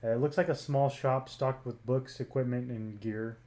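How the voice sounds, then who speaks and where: A man narrating a tabletop game as game master, halting with many ums and uhs. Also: medium pitch, fairly even intonation, warm tone.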